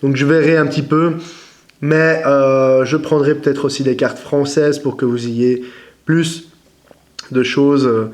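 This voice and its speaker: A man's voice: mid-range voice, darkish tone. A young man chatting casually as he opens and rates cards, hesitant, with frequent fillers and apologies. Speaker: card-opening vlogger. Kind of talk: casual unboxing commentary.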